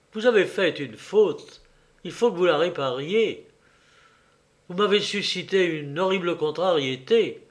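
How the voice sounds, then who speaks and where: Audiobook role: a man voicing a reproachful English gentleman, measured pace, slightly high voice. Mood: insistent. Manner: heated, reproachful. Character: angry honorable young English gentleman. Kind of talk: audiobook character reading.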